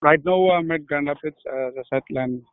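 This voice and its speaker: A man's voice: on the high side, fairly quick, clear, resonant tone, no echo. A man from Hyderabad, calling in as a guest cricket player. He talks about himself modestly and plainly. The line is tinny, narrow, and dry, as if heard through a phone. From Hyderabad, India.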